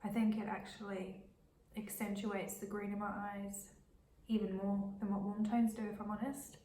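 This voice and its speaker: A woman's voice: mid-range voice, flat delivery, normal speed, dark tone, far from the mic, a little hiss or hum. Female vlogger, 20s, stuffy nasal cold voice, chatty, in an echoey room away from the mic. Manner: chatty, rambling asides. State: stuffy nose from illness. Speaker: beauty vlogger. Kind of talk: casual makeup tutorial chat.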